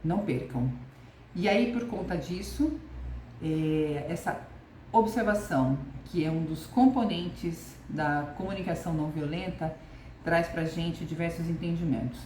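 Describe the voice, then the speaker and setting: A woman's voice: fairly low pitch, unhurried, mellow, slight background noise. A woman coach with a Brazilian Portuguese accent giving a casual video lesson, reflective and repeating her key questions. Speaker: communication coach. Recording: echoey room with faint ambience.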